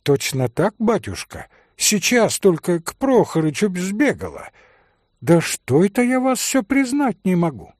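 A man reading an audiobook, voicing a fussy, scolding old female servant in a shrill, raised voice. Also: huge pitch swings, a little mellow, no echo, clean studio sound, exaggerated voice. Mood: puzzled. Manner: shrill, quick to scold then chatty.

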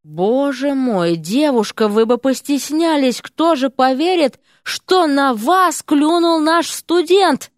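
A woman's voice: high-pitched, lively intonation, slow, few pauses, no echo, clean studio sound, pitched above the performer's own voice. A woman voicing a flustered, fussy male vice dean who grumbles and complains. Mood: grumbling. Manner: grumbling, exasperated.

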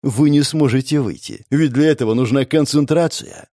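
A man's voice: mid-range voice, moderate pace, mellow, no echo, clean studio sound, lightly acted. A man voicing a young male gamer hero who mocks and threatens his enemies, in a raised, grinning tone. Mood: menacing. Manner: mocking, menacing.

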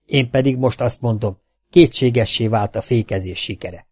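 A man's voice: medium pitch, a little mellow, husky, no echo, studio quality, natural voice. A man voicing a commanding male spaceship captain in an audiobook reading. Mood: firm. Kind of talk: audiobook character voice.

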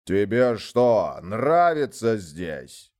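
A man puts on a giant lord of the dead in a storybook tale, booming and growling with heavy, drawn-out words. His voice swings between low rumbles and loud outbursts, wrathful and scornful. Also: sing-song, full character voice. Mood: furious. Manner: thundering, growling, slow.

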